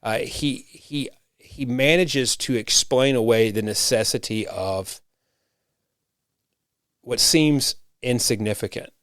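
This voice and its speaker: A man's voice: mid-range voice, takes it slowly, a bit bright, no echo, studio quality. A man hosting a podcast and serving as a rural pastor, talking in a reflective, rambling way with frequent restarts. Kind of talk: casual conversation.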